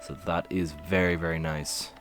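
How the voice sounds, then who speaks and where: A man's voice: low voice, little pitch movement, moderate pace, over music. A man giving casual, playful commentary while streaming a game, laughing and humming to himself as he plays.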